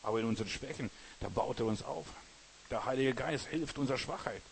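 Male preacher, mid-pitched, earnest and direct sermon delivery, light hiss. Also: a little fast, vocal fry, rough recording. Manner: earnest, addresses listener directly with repeated "verstehst du".

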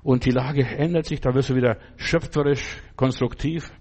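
A man's voice: mid-range voice, fairly even intonation, moderate pace, darkish tone. A middle-aged man preaching a sermon in a fervent, colloquial way, often checking in with his listeners. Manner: fervent, colloquial, keeps asking "verstehst du?".

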